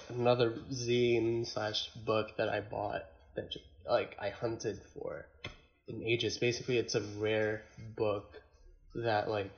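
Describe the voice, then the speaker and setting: A man chatting casually on a podcast in a laid-back, slangy way, often halting and repeating words. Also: medium pitch, highs cut off. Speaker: podcast co-host or guest. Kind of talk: casual chat.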